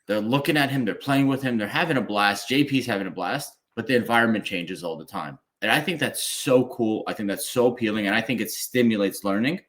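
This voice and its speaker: A man hosting a podcast interview, talking in an animated, rambling way with many fillers. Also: lowish voice, fairly quick, few pauses. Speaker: podcast host.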